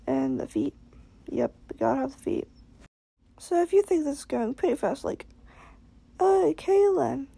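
A young woman gives a casual voice-over about her drawings, sounding exhausted. Her voice is high and mellow, breaking often into gravelly fry. The recording is close and dry. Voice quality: creaky. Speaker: amateur artist narrating own drawings.

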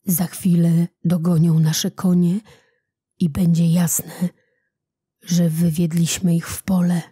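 Storybook prince on the run: noble, grave, slow and hushed, voiced by a woman narrator. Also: fairly low pitch, little pitch movement, slightly rough, no echo, studio quality, exaggerated voice. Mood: earnest. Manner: slow, earnest, often hushed.

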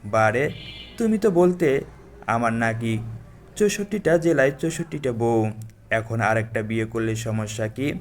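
A man's voice: mid-range voice, lively intonation, a little slow, pauses often, a little hiss or hum, voice pushed down, lightly acted. A man voicing an affectionate young husband who coaxes and pleads with his wife. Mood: teasing.

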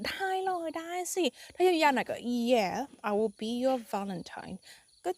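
A woman's voice: sits high, a bit bright, no room sound. A woman teaching English vocabulary on a live stream, chatty and upbeat, mixing English and Thai. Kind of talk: live-streamed language lesson.

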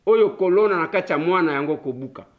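A man's voice: high-pitched, animated, quick pace, narrow, tinny audio. A man hosting a political talk show, chatting casually between French and Lingala, joking and repeating himself.

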